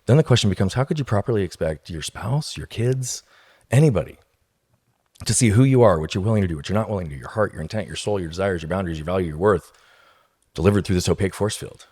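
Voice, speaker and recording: A man with a very low, deep voice talks as a podcast guest. He tells his story with emphasis and keeps checking in with his listeners. The recording is dry and close, with no room sound. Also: expressive, fast talker, mellow, breathy edge, no room sound. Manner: emphatic, tags points with "right?". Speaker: guest speaker. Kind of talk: podcast interview, personal storytelling.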